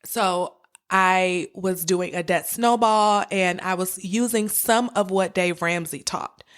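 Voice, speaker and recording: Her mid-range voice is a little raspy because she's fighting a cold, complete with cough and sore throat. Still, the female podcast host stays encouraging and conversational, coaching listeners directly through a personal finance monologue.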